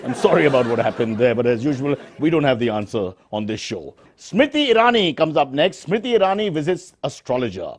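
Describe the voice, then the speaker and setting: A man's voice: mid-range voice, sing-song, a little fast, few pauses, a little hiss or hum. A man with an Indian accent hosting a satire show as a parody news anchor, mock-serious and exclamatory, with exasperated asides.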